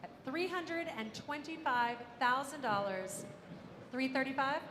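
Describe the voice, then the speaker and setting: Female auctioneer, high voice, repetitive live bid calling, big reverberant room with clear background noise. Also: expressive, unhurried. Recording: echoey hall, ambient noise.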